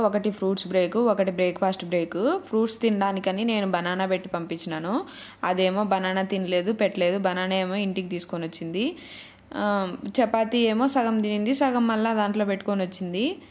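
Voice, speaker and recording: A Rayalaseema-accented woman in her thirties tells her viewers about her household's day in an easy, homely way. Her voice sits at an ordinary middle pitch. It sounds like a relaxed, chatty vlog voice-over. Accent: Rayalaseema Telugu. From Andhra Pradesh, India. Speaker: vlogger and mother. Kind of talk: casual narrated vlog voice-over.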